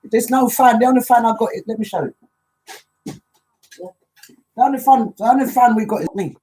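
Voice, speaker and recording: Husky woman DJ chatting. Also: a little high, brisk, low-quality recording. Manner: chatty, animated, jokey. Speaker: DJ and show host. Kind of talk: live show chat with listener shout-outs.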